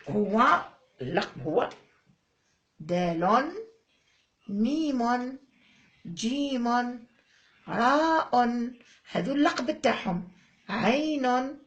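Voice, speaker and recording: A woman with an Algerian Arabic accent teaching a phonics lesson to young children, drawing out each syllable and coaxing and praising the child. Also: a little high.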